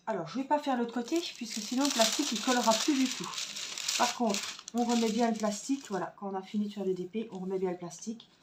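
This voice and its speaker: A woman of medium pitch vlogs from home, talking casually to her viewers as she works on a craft and thinks aloud with fillers. The phone camera on its stand picks up a little hiss or hum.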